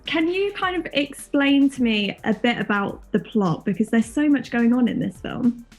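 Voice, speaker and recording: A woman's voice: on the high side, expressive, normal speed, faint music behind. A woman interviewer asking questions in a casual, chatty and encouraging way. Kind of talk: casual film press interview.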